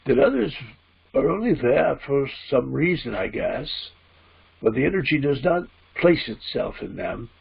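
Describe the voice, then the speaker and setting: A solemn spirit guide speaks through a man acting as medium in a seance trance. The voice is heavily gravelled and rough, with deliberate, preachy phrasing that repeats for emphasis. The recording is slightly muffled and lo-fi. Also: mid-range voice, heavily acted. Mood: calm, instructive. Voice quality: gravelly, husky. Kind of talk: trance-channeled spiritual teaching. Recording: dull, muffled lo-fi audio.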